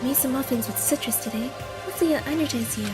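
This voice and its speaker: A woman's voice: high-pitched, fast, loud music behind the voice. A woman casually reading a visual novel aloud in character, with playful asides.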